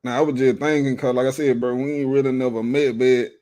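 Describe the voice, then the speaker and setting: A man's voice: medium pitch, fairly even intonation, quick pace, dark tone. A man hosting a casual livestream chat, laid-back and laughing often, greeting viewers from the comments. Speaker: livestream host.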